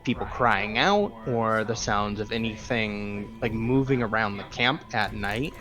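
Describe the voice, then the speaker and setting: A man narrating as game master of a tabletop game over a voice call, hesitant with many filler pauses. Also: fairly low pitch, fairly bright tone, soft background music.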